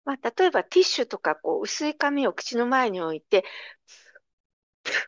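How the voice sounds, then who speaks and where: Lively, patient woman teaching pronunciation. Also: on the high side, brisk, no echo. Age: middle-aged. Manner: patient, explanatory, lively intonation. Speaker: language teacher. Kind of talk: explaining pronunciation in a casual conversation. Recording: dry, dull lo-fi sound.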